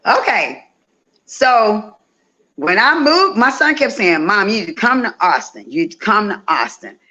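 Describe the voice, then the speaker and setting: This interview guest is a festival organizer from Louisiana in her fifties who tells casual stories and leans on repeated phrases for emphasis. She speaks at a measured pace with medium pitch, a sing-song lilt and a sharp tone, captured in lo-fi sound.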